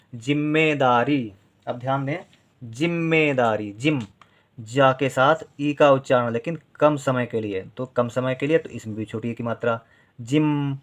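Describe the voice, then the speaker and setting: A man teaching a Hindi writing lesson, patiently breaking words into syllables and stretching sounds out to show how they are spelled. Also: medium pitch. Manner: patient, drawn-out syllables, repeats words slowly.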